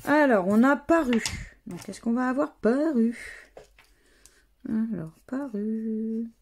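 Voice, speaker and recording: A woman's voice: a little high, takes it slowly, a little mellow. A woman from France giving a casual running commentary as she scratches lottery tickets, spelling out letters one by one. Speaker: scratch-card vlogger.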